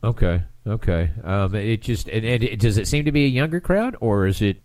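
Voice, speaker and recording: A man's voice: lowish voice, lively intonation, a little fast, darkish tone, no echo, studio quality. A male radio host with a stuffed-up nose, chatting in a rambling way and often restarting his phrases. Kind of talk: casual radio interview.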